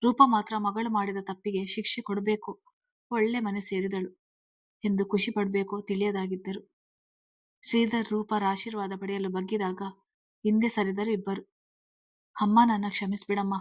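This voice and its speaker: A woman narrating a serialized story in a steady reading style. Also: mid-range voice, normal speed, no echo.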